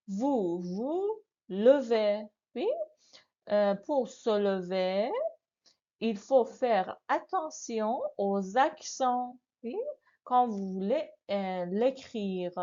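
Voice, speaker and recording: A woman teaches a beginner French grammar lesson at a very slow, deliberate pace. She repeats each form patiently and keeps checking in with her students. The recording sounds a little dull and lo-fi. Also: mid-range voice, mellow. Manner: very slow, repeats words, often asks "n'est-ce pas?".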